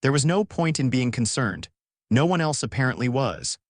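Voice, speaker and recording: A man, the author, reading his short story aloud in a measured, expressive way. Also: mid-range voice, no room sound, studio quality. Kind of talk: storybook narration.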